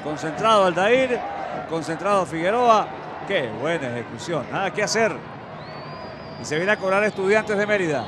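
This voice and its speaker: A man working as color commentator, calmly breaking down each penalty in detail. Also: high-pitched, normal speed, background noise. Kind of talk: football analysis commentary. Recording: broadcast with crowd and music behind.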